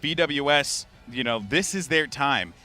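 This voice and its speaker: A man doing live esports play-by-play, excitable and full of fillers and restarts. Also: mid-range voice, measured pace, faint music behind. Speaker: esports caster. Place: live event venue.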